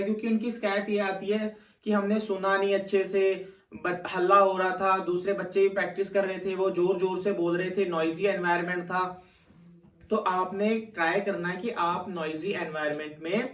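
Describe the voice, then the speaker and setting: A man's voice: high voice, fairly bright tone, echoey room, distant mic. A man from Punjab with a voice, coaching students for an English exam in a patient classroom manner and often checking in with "theek hai". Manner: patient, repeats points, frequent "theek hai" check-ins. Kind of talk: classroom-style lesson.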